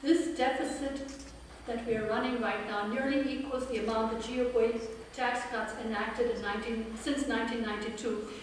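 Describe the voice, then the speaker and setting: A woman in her fifties, born in India and raised in Pakistan, giving an earnest, measured campaign speech with dry humor at a forum. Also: fairly high pitch, steady tone, slight background noise. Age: 50s. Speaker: political candidate. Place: forum room with an audience. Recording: echoey hall from far off.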